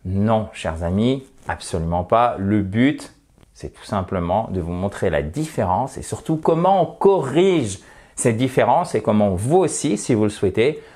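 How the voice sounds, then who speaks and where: A man's voice: fairly low pitch, very animated, a little slow, darkish tone. A man from near Saint-Étienne with a French accent, teaching English pronunciation in a video lesson at a desk microphone, playfully exaggerating mispronunciations. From France, near Saint-Étienne.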